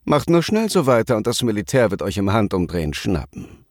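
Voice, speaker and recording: A man's voice: lowish voice, very animated, fairly quick, a little mellow, dry recording, clean studio sound. A man reading a German audiobook, voicing a sardonic, mocking stranger woman.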